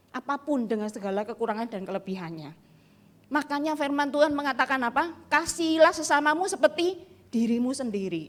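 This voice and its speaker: A woman pastor, preaching a sermon in a lively storytelling way and acting out the people in her stories. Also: sits high. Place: church.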